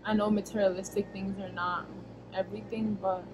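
A woman's voice: mid-range voice, little pitch movement, a little fast, noisy background. A young American woman answering viewer questions in a casual vlog, talking in a rambling way with many fillers and self-corrections, recorded on a camera close in front of her in a small bedroom. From United States. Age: young adult. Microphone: camera at arm's length, face framed close.

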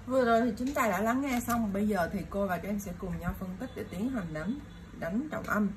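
A woman teacher walking students through an English stress exercise in a chatty way, with soft filler tags. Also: mid-range voice, slight background noise, rough recording. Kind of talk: explaining a pronunciation exercise.

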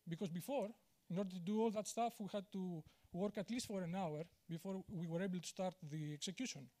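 Speaking into a handheld microphone on a big auditorium stage, this Greek conference speaker has a high, mellow voice and a fairly quick pace. He's candid and self-deprecating, with lots of fillers and restarted sentences.

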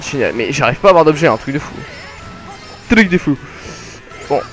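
Young guy rambling thru a kart race, jokey, yells sometimes, kinda high voice, game music faint behind. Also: a little fast. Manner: jokey, rambling, self-mocking, bursts of excited yelling. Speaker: gaming commentator. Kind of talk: casual let's play commentary.

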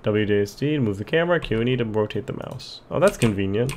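A man's voice: on the low side, lively intonation, fast talker, darkish tone, slight background noise. A man hosting a let's play, casually commenting and reading the game's text aloud with a chuckle. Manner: reads on-screen text aloud, chuckles, hums along. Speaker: gaming channel host.

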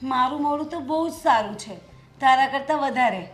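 An actress playing a proud elder daughter-in-law who complains indignantly and puts on tears for sympathy. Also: female voice, high-pitched, normal speed, a bit bright. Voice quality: whiny, indignant. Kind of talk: village family drama acting.

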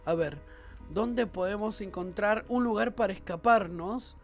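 A man with a Rioplatense Spanish accent giving let's-play commentary, excitable and often bursting into shouts. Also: sits high, measured pace, soft background music. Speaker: gaming YouTuber.

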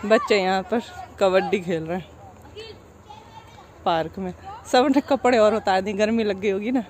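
A woman's voice: medium pitch, normal speed, darkish tone. Chatty middle-aged woman on a roomy phone recording. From Uttar Pradesh, India. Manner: chatty, laughs often, talks to family and pet. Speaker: vlogger. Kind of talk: casual daily vlog. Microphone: handheld phone camera. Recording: roomy phone audio with background noise.

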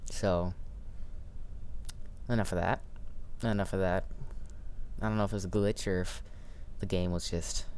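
A man's voice: lowish voice, darkish tone, clear, resonant tone. A man giving goofy, jokey commentary while playing a horror game. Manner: goofy, jokey self-talk. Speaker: let's play gamer.

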